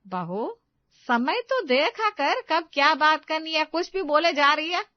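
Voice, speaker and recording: A woman's voice: a little high, expressive, normal speed, no room sound, muffled recording, voice pushed up, lightly acted. A woman doing a bossy, scolding mother. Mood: stern. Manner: stern, scolding tone. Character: middle-aged mother, bossy and protective.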